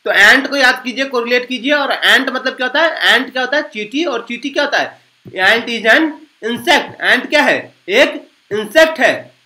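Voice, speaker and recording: A man teaching a vocabulary lesson, speaking English with an Indian accent. He asks his own questions and answers them, and he repeats key words slowly. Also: very high voice, animated, pushed and bright, echoey room, rough recording.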